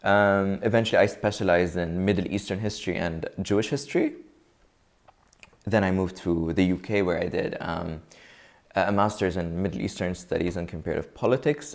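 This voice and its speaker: Low gravelly young man from Lebanon. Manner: thoughtful, measured, restarts often. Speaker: guest. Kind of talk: interview answers.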